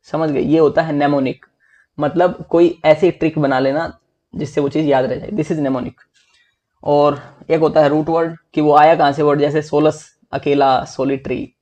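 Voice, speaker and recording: A young man teaching English vocabulary for exams in a lively, chatty way, often calling his listeners "bhai". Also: fairly high pitch, unhurried, muffled recording. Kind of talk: exam-prep vocabulary lesson.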